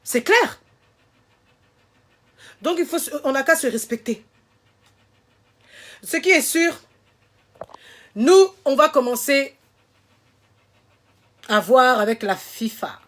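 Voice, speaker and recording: A woman's voice: high voice, animated, slow pace, pauses often, fairly bright tone. A woman delivering an impassioned vlog rant to her viewers, emphatic and indignant, hammering home her points by repeating them. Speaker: social media commentator.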